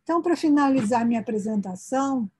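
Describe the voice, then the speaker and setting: Woman presenting at a conference on a video call, kinda husky, a bit high, lots of little tag fillers. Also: lively intonation, dark tone. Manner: sprinkles "né" fillers and restarts mid-phrase; hurried toward the end of her time. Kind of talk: academic presentation with slides.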